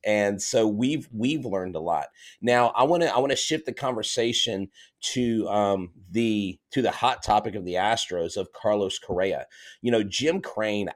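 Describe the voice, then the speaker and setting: A man hosting a casual sports podcast interview, talking enthusiastically in long, rambling turns with frequent fillers. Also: fairly low pitch. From Florida. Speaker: podcast host.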